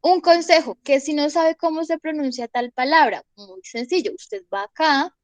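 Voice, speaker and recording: A woman's voice: high voice, normal speed, no echo, low-quality recording. Woman teacher on a phone mic. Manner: explains step by step, checks in with "¿listo?" often. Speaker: English teacher. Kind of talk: online class explanation. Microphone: phone microphone.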